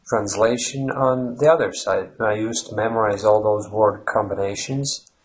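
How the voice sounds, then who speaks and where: At normal speed and fairly low pitch, a Latvian man hosting a language-learning channel in Ireland explains at length without a script. His Latvian accent comes through as he rambles, using fillers and restarting sentences.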